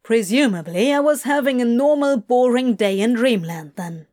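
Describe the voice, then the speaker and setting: A woman voicing a sleepy, grumbling male demon who talks in a slow, drowsy drawl. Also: fairly high pitch, animated, a little mellow, natural voice.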